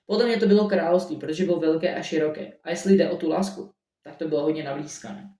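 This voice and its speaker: Man, amateur first-person storybook narration, halting with restarts, fairly high voice, roomy echo. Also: fairly even intonation, mellow. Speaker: audiobook narrator. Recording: roomy echo, mic at a distance.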